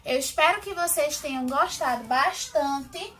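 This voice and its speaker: A woman teacher explaining a classroom word activity step by step, slowly and patiently. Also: sits high, a bit bright.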